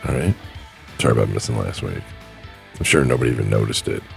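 A man with a bass voice, lively intonation and vocal fry talks fast as he hosts a casual solo podcast, faint music behind him. Rambling and plainspoken, he is grieving and chokes up.

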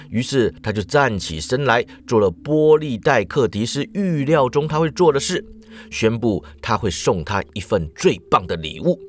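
Male podcast host, casual myth storyteller, animated pitch, playful asides. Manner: lively, chatty, with playful asides. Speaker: podcast host retelling myths.

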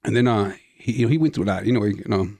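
A man's voice: on the low side, racing, gravelly, a little mellow, dry recording, clean studio sound. A man in his fifties, an actor talking casually in an interview, full of laid-back slang and "you know". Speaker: actor guest.

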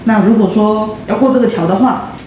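A woman explaining and retelling a folk tale for learners, relaxed and using many filler words. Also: mid-range voice, a little slow, a little hiss or hum. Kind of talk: storytelling explanation. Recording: very echoey room.

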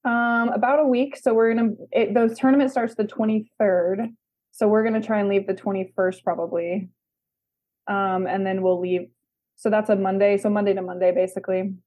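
A young woman answering interview questions in a relaxed, casual way, laughing easily. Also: medium pitch, normal speed. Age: young adult. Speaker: guest, beach volleyball player.

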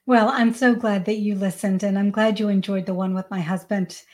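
A woman in her forties, a parenting coach, chats conversationally as a guest on a podcast interview. Her first language is Hindi and she speaks with an American accent. Her voice is medium-pitched and a little mellow, with fairly even intonation and a moderate pace.

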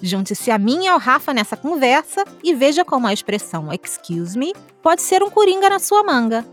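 A woman's voice: sits high, sing-song, normal speed, soft background music. A woman with a Brazilian Portuguese accent hosting a scripted educational podcast, explaining in a friendly, playfully teasing way. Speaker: podcast host and English teacher.

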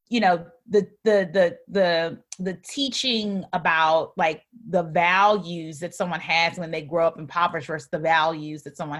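A woman with a medium-pitched voice co-hosts a podcast in casual conversation. She rambles with frequent fillers and restarts, becoming animated and expressive when telling a story.

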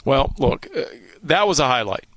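A man's voice: medium pitch, very animated, normal speed, fairly bright tone, no echo. An American man hosting a sports radio show with conversational football commentary.

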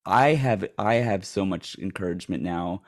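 A man's voice: low voice, normal speed. A man hosting a podcast, talking casually in a blunt, crude way with a slight lisp. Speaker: podcast host.

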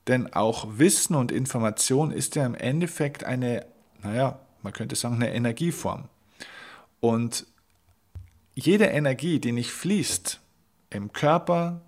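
A man's voice: mid-range voice, a little mellow. A man hosting a motivational podcast as a coach, speaking emphatically and repeating his key points.

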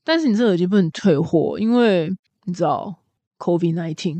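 A woman voicing a weary, jaded male store clerk who talks in a slow, low, mumbling monotone. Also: no echo. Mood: listless.

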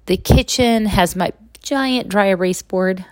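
An unhurried middle-aged woman with a medium-pitched voice hosts a conversational podcast monologue, frequently checking in with "right?" It's a makeshift recording made outside a studio, with no room sound.

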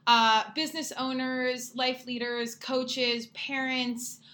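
A woman's voice: high voice, little pitch movement, slow pace, bright, forceful tone. A woman over thirty hosting a casual podcast in a playful, slangy, teasing way, her mouth a little numb from injections. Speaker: podcast host.

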